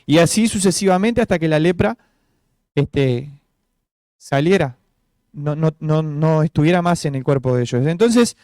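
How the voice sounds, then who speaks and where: A man's voice: fairly high pitch, lively intonation, normal speed, darkish tone, dry recording. A man preaching an informal sermon, full of rhetorical questions and fillers. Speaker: pastor. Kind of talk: conversational sermon.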